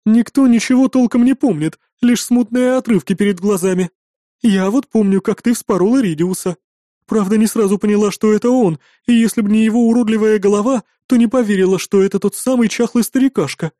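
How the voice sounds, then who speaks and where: A male reader voicing a strong, loud innkeeper woman who gushes and turns stern in a flash. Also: brisk, no echo, studio quality, lightly acted. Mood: gushing. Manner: booming, gushing, then stern. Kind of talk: audiobook character voice.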